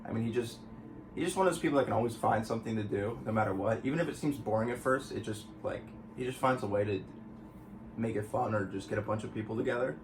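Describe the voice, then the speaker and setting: A young man appears as a guest on his girlfriend's vlog, chatting casually in a laid-back, rambling way with restarts. His lowish voice is fast, and the background is noisy.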